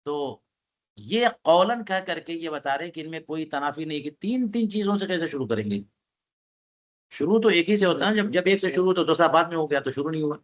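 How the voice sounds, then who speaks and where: Guy teaching religious text in class, slightly high voice, reads arabic then explains it, keeps asking the students stuff. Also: muffled recording. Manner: explains text line by line, asks students questions.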